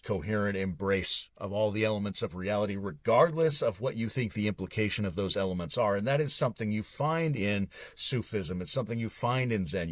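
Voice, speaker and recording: A man's voice: lowish voice, no echo. A man, a guest author on a podcast, explaining philosophical ideas in a fluent, lecture-like way. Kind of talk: philosophical conversation.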